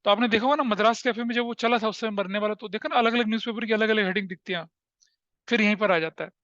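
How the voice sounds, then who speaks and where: A teacher lectures a class and tells stories with energy, often asking his students questions. His voice sits high and sounds bright and forceful. The sound is dry and a bit muffled. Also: quick pace, no echo. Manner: animated storytelling, asks the class questions.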